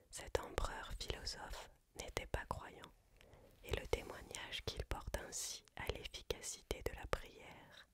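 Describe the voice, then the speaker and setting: A voice reading a book aloud as ASMR in a hushed library whisper, measured and unhurried. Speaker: reader.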